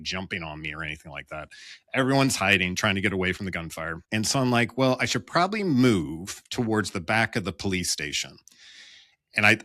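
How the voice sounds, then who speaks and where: Speaking as a guest on a podcast, an American man who is a police officer recounts a personal story, candid and wry, performing the dialogue as he tells it. His voice is lowish, pushed and bright, captured in clean studio sound with no echo.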